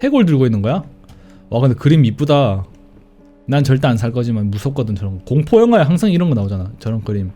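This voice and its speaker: A man's voice: mid-range voice, big pitch swings, fast talker, dark tone, soft background music. A man streaming a horror game with casual commentary, easily scared, grumbling and swearing as he plays.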